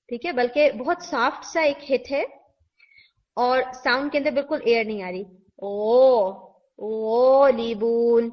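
A woman teacher, giving a recorded pronunciation lesson, patiently demonstrating sounds and repeating examples slowly. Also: fairly high pitch. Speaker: tajweed teacher. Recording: dull lo-fi recording.

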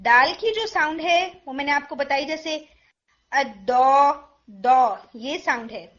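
A woman with a high voice gives a patient pronunciation lesson, saying each sound slowly and repeating it. The recording sounds dull and lo-fi. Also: lively intonation, a bit bright. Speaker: Quran pronunciation teacher. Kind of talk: explanatory lesson mixing Urdu and English.

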